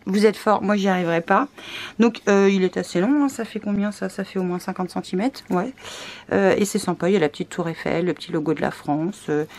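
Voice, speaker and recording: A tired woman chats through a craft unboxing in a voice of middling pitch. She hesitates often, fills gaps with small sounds and pokes fun at herself. The tone stays casual and unhurried. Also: darkish tone. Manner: hesitant, many fillers, self-deprecating asides. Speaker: scrapbooking vlogger.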